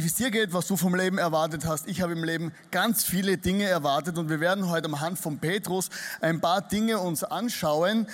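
A middle-aged man from Styria with an Austrian German accent, preaching a sermon to a congregation in a chatty, joking way. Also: sits high. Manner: chatty, joking, self-deprecating. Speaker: pastor. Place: church hall before a congregation.

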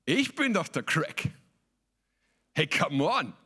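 A man's voice: on the high side, big pitch swings, takes it slowly, bright, forceful tone, slightly rough, heavily acted. A man voicing a boastful, swaggering young apostle who talks brash slang.

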